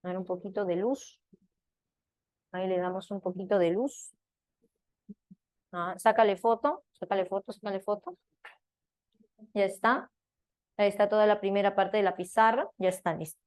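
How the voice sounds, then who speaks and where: A woman's voice: medium pitch, steady tone, normal speed, pauses often, a little mellow. A woman teaching a philosophy class at a whiteboard, chatty and peppering her explanation with tag questions.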